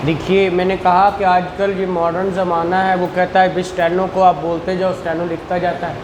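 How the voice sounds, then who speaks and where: In a law lecture, a high-pitched man with a Pakistani accent talks a little fast with little pitch movement as he reads statute and explains it step by step. He keeps checking that his audience follows, and background noise in the room is clearly audible.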